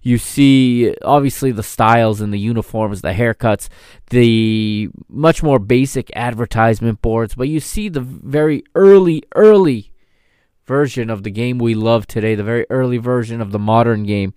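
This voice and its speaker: A man's voice: mid-range voice, moderate pace, darkish tone, clean tone, no echo, studio quality. A man in his thirties hosting a podcast, reflecting on an old football match in a rambling, casual way. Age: 30s. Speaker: podcast host. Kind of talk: casual retrospective football commentary.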